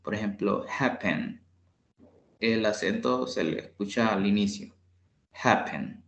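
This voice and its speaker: A man giving a patient bilingual grammar lesson as an English tutor, repeating example words slowly. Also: fairly low pitch, fairly even intonation, vocal fry, reverberant, dull audio.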